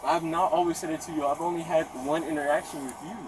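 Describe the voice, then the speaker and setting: A man with a high voice argues insistently, sounding off from the microphone. He is recorded outdoors on an officer's body camera. Loud traffic noise runs behind him. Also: level tone, quick pace. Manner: insistent, argumentative. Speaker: detained citizen filming police. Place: outdoors on a street by a bank. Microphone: officer's body camera, at a distance. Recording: distant body cam with loud street noise.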